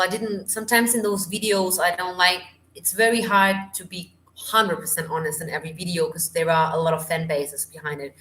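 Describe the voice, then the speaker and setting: A woman's voice: on the low side, a bit bright, slight background noise. A woman vocal coach, tired, chatting through a live Q&A and hunting for English words. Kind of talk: live stream Q&A. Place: home.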